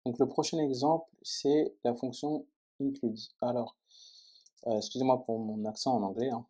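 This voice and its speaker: Man, coding tutor, step-by-step explanation, dark mellow voice, keyboard clicks behind. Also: mid-range voice, steady tone, normal speed. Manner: explains step by step, often checking with "d'accord?". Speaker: programming tutor. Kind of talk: screen-recorded coding tutorial.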